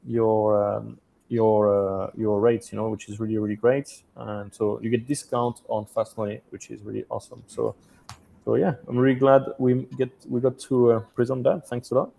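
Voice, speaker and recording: A man with a French accent hosts a webinar from a hotel room over a video call, speaking haltingly with many restarts and uh's. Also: medium pitch, flat delivery, gravelly, warm tone. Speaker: host of an investor community webinar. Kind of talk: hosting a webinar Q&A.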